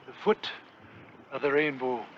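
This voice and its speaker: An actor playing an excitable, dreamy Irish prospector with a leprechaun-like lilt in a vintage TV western. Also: male voice, mid-range voice, a little slow, slight background noise, natural voice. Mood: confident, courteous. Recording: dull vintage TV soundtrack with music.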